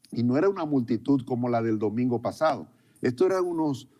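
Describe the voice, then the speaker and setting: A man's voice: mid-range voice, mellow. A man preaching a sermon, retelling events and repeating points for emphasis.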